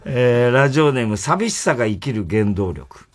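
A man's voice: medium pitch, animated, normal speed. A man hosting a radio show, teasing his guests with needling questions in comedy banter. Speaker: radio host.

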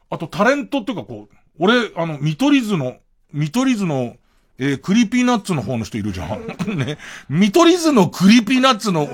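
A man hosting a late-night radio show, rambling casually and thinking aloud with chuckling asides. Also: fairly high pitch. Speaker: radio host.

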